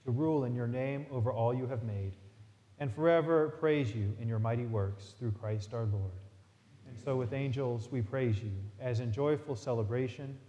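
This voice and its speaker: A man as a priest, solemnly intoning Mass prayers in measured phrases, his voice carrying a cathedral echo. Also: medium pitch, dark tone, muffled recording. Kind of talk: liturgical prayer recitation. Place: large church. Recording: long reverberant church hall.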